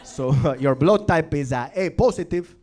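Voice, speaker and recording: A man from Venezuela whose first language is Spanish, doing animated stand-up and acting out characters in a noisy club recording. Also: fairly high pitch, normal speed, a loud crowd. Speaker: stand-up comedian. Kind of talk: stand-up comedy.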